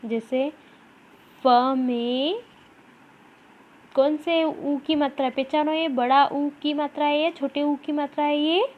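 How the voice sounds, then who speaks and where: A woman's voice: sits high, steady tone, narrow, tinny audio. A woman teaching a children's reading lesson, stretching out syllables and repeating each word for the child to copy. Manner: drawn-out syllables, repeating words aloud for children.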